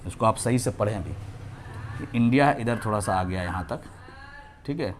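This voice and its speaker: A man teaching a children's geography lesson, mixing Hindi with English terms and slowly repeating names to drill pronunciation. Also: on the low side, slight background noise. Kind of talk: classroom lesson for young children.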